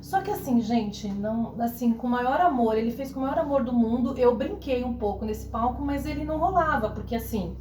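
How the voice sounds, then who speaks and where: A middle-aged woman chats as a podcast guest, telling her story with lots of life and acting out the people she quotes. Her voice sits fairly high and rises and falls a lot. She sounds a little distant from the mic in an echoey room with faint noise behind. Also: a little fast, hardly any pauses. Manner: animated, acts out quoted dialogue. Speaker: podcast guest, pole dance entrepreneur. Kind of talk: casual storytelling conversation. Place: theater studio.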